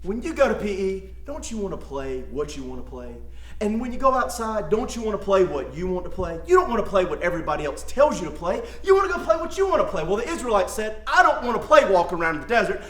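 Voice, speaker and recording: A man's voice: high voice, very animated, fast. A man teaching children a Bible story in a playful, dramatic way, speaking straight to the kids. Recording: echoey room.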